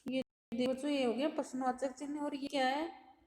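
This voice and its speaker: Woman teacher, high voice, patient explainer for young pupils; echoey room. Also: little pitch movement, darkish tone. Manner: slow, patient explaining with many questions to pupils. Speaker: school teacher. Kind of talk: classroom lesson for children.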